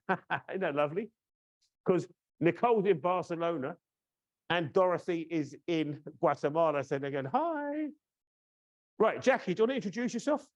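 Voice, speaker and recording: A slightly high male voice with lively intonation, at normal speed with frequent pauses, recorded with lo-fi sound. The speaker is a British course trainer in his fifties giving a casual webinar presentation on a video call, teasing and chatty, often asking "yeah?".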